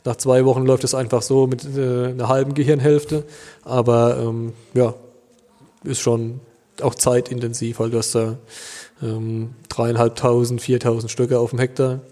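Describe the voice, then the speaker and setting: A man in his thirties from Germany, a winemaker answering interview questions in a relaxed, hesitant way with many fillers. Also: medium pitch, normal speed, in a large hall. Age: 30s.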